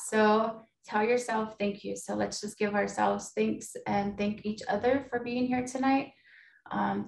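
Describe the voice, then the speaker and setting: A woman's voice: medium pitch, gravelly, a little mellow, distant mic. American woman, echoey video-call room. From Pueblo of Isleta, New Mexico, USA. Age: 30s. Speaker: guest speaker. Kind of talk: informal personal talk to an online group. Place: small home room indoors, on a video call.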